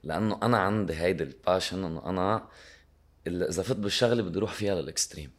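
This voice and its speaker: A man's voice: sits low, racing. A man with a Lebanese Arabic accent, answering as an interview guest in conversation and mixing in English words.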